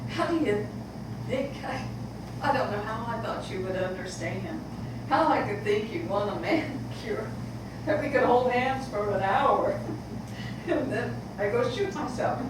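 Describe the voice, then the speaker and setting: A woman playing a weary, resigned daughter. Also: fairly high pitch. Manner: calm, measured, resigned. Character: weary, resolved adult daughter. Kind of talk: stage play acting. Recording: echoey hall from far off, background noise.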